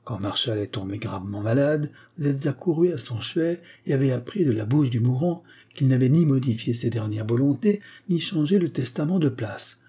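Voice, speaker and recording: A man voicing a composed, ironic gentleman who calmly lays out a swindler's fraud in a spoken story. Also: mid-range voice, husky. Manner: calm, pointed, unhurried accusation.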